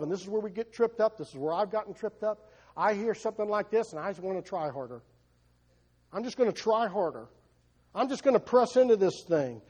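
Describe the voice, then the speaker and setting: A man's voice: sits high, a little mellow. A man preaching a sermon to his congregation, emphatic, asking rhetorical questions and often repeating words as he goes. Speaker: pastor.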